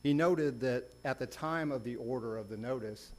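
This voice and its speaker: A man with a mid-pitched voice presents a formal legal argument as a lawyer in a courtroom. A faint hum sits behind him. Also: moderate pace, darkish tone. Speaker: lawyer arguing an appeal. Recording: faint hum and background noise.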